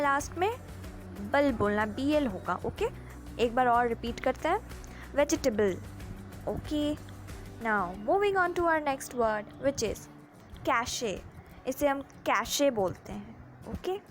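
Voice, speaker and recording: A young woman teaching English pronunciation, quizzing the listener on each word and correcting it with repeat-after-me drills. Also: sits high. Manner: drills words, asks and corrects, mixes Hindi and English. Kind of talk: pronunciation lesson.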